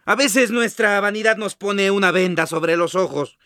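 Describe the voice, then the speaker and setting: A boastful iron hammer holds forth about its own importance, voiced by a man. The tone is bright and ringing, pitched a little high. It is a dry, close storybook reading. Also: moderate pace, no echo. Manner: emphatic, declaiming. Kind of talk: storybook narration.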